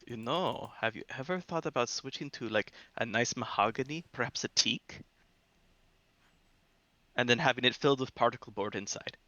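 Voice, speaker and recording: Man playing a towering dragonborn wizard, mock Swedish accent, bright, pompous, deadpan; muffled dry mic. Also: medium pitch, moderate pace, no room sound, natural voice. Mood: persuasive. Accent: put-on Swedish. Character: very tall male dragonborn wizard, fussy furniture lover. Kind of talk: tabletop role-play in character.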